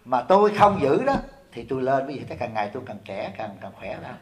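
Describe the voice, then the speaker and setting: A middle-aged man from Vietnam, an abbot giving a sermon in a lively, joking way, often asking his listeners questions. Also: medium pitch, fast talker, heavy background noise. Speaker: abbot giving a dharma talk. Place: temple hall.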